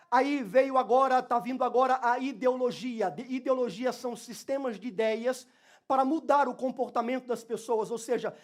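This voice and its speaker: A male pastor preaches in church. His voice sits very high for a man. He moves from quiet, close talk to shouted, fervent lines. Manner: passionate preaching, swings from soft to shouted. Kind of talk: sermon.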